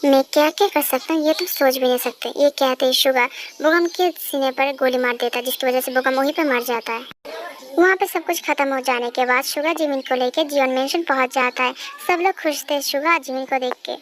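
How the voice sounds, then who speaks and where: High-voiced woman narrating a story. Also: a little fast, a bit bright, slight background noise. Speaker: narrator and fan dubber.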